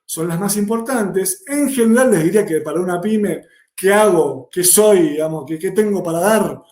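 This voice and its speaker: A man's voice: high-pitched, moderate pace, a little mellow, roomy sound. A man giving an explanatory workshop lecture, repeating key questions to drive points home. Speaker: workshop instructor. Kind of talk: online lecture.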